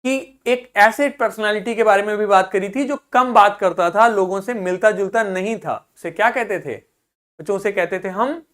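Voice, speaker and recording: In an English vocabulary lesson, an Indian-accented woman with a medium-pitched voice talks at a normal speed. Each word gets repeated to drill how it's pronounced, and any question she asks her students, she answers on her own.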